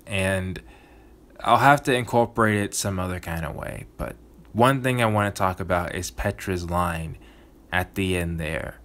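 A man's voice: on the low side, fairly bright tone. A man hosting a gaming channel, talking earnestly and reflectively about his playthrough in casual commentary. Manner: earnest, reflective, thinking aloud.

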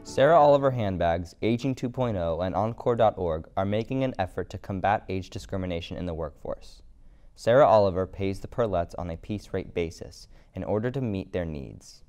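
A man reading a scripted documentary narration in a measured, serious way. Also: low voice, expressive, darkish tone, clear, resonant tone, faint music behind.

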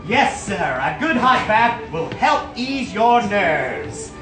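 Stimpy, a man doing a goofy gentle cat. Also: sits high, big pitch swings, slow pace, heavily acted. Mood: soothing. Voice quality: soothing, goofy. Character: Stimpy, a dim kindly fat male cat cadet. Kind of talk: live stage comedy acting. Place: small theater stage. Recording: echoey room from a far phone camera, with music.

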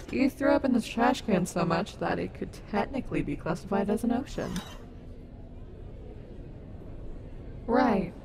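A woman playing a caring, sassy robot wolf animatronic in an ASMR audio roleplay, soothing and reassuring with a wry streak. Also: medium pitch. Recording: noticeable background noise.

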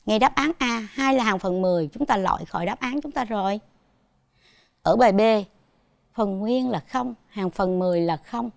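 She speaks in a mid-range voice at a normal speed, with some vocal fry, in a dry recording. A woman with a Southern Vietnamese accent, she leads a primary school math lesson on TV and patiently asks her pupils questions along the way.

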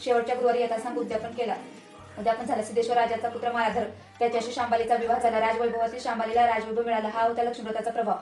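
A woman storyteller reading a devotional folk tale aloud in a brisk, steady way. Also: on the high side, reverberant, far from the mic, rough recording.

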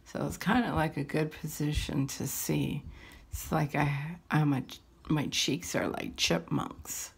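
Middle aged lady doing a casual phone diary from the tub, low gravelly voice, halting. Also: fairly even intonation. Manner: halting, hesitant, trailing pauses. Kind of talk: casual personal video diary. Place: bathroom, lying in a bathtub. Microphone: phone held at arm's length.

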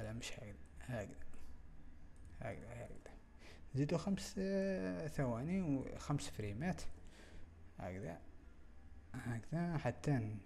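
A young man with an Algerian Arabic accent hosting a software tutorial, thinking aloud in a halting way and muttering to himself as he works. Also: medium pitch, vocal fry, a little hiss or hum. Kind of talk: screen-recorded software walkthrough.

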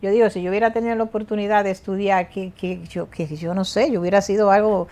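A woman's voice: medium pitch, fairly even intonation, fast talker, a little mellow. An older woman from the Dominican Republic, a guest in a TV studio interview, speaking emphatically with frequent restarts and repeats. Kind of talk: casual interview talk. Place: TV studio set.

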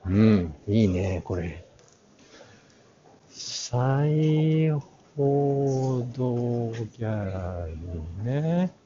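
This time the vlogger's voice is mid-range and mellow, with lively intonation despite an extremely slow pace, plus a little hiss or hum. Masked, he narrates his casual walk-through of a busy exhibition hall in muttered fragments. His camera is held at arm's length, and the sound is dull amid crowd murmur.

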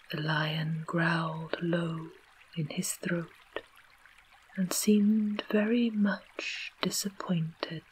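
A woman with an English accent reading a bedtime story in a soft unvoiced whisper, as whispered role-play. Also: fairly low pitch, a little hiss or hum, rough recording. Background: faint trickling water ambience.

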